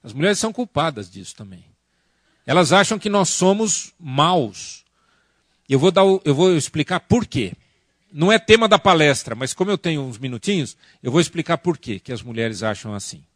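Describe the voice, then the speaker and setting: A man with a Brazilian Portuguese accent giving a lively church workshop talk on family, asking the audience questions and acting out family arguments. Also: fairly high pitch, normal speed, no room sound, clean studio sound. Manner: animated, acts out quoted family arguments. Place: church conference hall.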